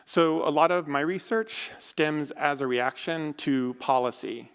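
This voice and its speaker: A man's voice: on the high side, measured pace, smooth. A man giving a conference talk as an academic researcher, conversational, with frequent fillers and self-corrections. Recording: long hall reverb.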